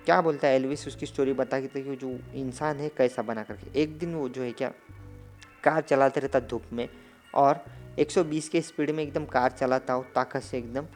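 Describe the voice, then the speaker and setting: Male movie recap narrator, mid-pitched, rambling and casual, soft music underneath. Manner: loose rambling retelling with filler phrases.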